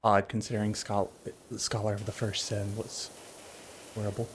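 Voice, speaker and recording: A man's voice: fairly low pitch, little pitch movement, moderate pace, slight background noise. A man streaming a game, chatting casually and wryly while he plays. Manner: laid-back, wry, thinks aloud while playing. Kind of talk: casual gameplay chat.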